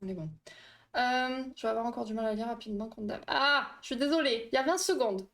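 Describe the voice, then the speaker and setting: A woman's voice: fairly high pitch, fast, creaky, a bit bright. A woman hosting a casual livestream, explaining dream science with a quiz, chatty and laughing often while reading chat aloud. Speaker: livestream host.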